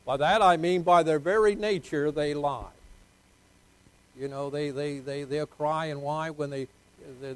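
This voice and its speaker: Older man, preacher, sermon, fairly high voice, folksy, dynamic swings in loudness, calls for amens. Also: low-quality recording. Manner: folksy, swings from quiet asides to loud drawn-out emphasis; jokes with the congregation, asks for amens.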